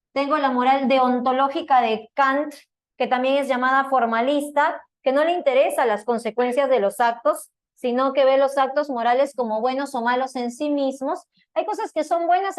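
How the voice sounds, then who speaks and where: A woman teaching a philosophy class at a whiteboard, chatty and peppering her explanation with tag questions. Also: sits high.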